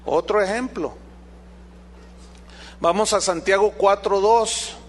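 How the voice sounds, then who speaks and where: High-voiced emphatic Mexican preacher. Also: male voice, steady tone, takes it slowly. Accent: Mexican Spanish. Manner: emphatic, with rhetorical questions to the congregation. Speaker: pastor. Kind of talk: sermon.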